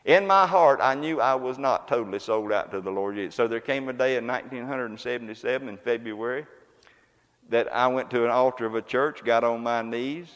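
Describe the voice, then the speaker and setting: A man's voice: medium pitch, a little fast. Folksy preacher man in a reverberant church. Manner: folksy, conversational preaching with homespun examples. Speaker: pastor. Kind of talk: sermon. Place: church sanctuary.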